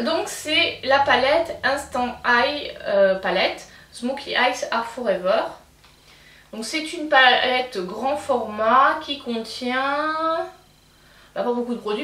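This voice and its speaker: A woman's voice: a little high, fairly bright tone. A young woman with a French accent reviewing a beauty box in a chatty way, full of fillers and restarts. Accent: French, self-described accent. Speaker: beauty vlogger. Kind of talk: casual unboxing review. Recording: echoey room, from a distance.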